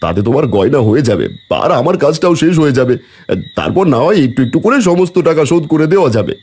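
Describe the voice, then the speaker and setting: A man plays a gentle young farmer husband in a storybook cartoon, his voice slightly husky and fairly high. He coaxes and reassures in a lively way. Faint music plays behind. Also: fast talker. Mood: reassuring. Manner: coaxing, reassuring. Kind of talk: cartoon voice acting.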